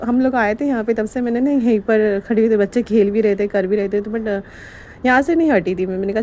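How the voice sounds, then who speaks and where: A woman's voice: on the high side, mellow, a little hiss or hum. A woman, narrating a family vlog in a chatty, rambling way and laughing often. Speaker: vlogger.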